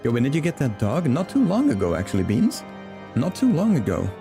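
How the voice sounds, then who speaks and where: A friendly male streamer whose first language is Flemish chats casually with viewers over game music, greeting chat members by name and laughing often. His mid-range voice is fairly quick and swings hugely in pitch.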